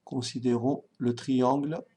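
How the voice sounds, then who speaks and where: A man teaching a maths lesson, calm and patient, thinking aloud as he writes and often checking that his students follow. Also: medium pitch, unhurried. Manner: talks directly to students, checks they follow. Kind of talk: online exam-prep lesson.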